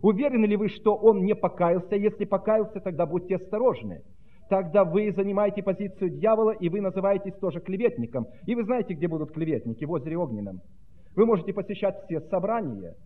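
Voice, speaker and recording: A man preaching a sermon with fervent, rhythmic delivery that swings between loud proclamation and hushed tones. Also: high-pitched, animated, fast. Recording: tinny phone-like sound.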